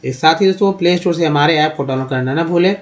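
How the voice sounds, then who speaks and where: High-voiced man teaching English pronunciation. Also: dull audio. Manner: slow, spells out letters and asks questions. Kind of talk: Hindi-language pronunciation lesson.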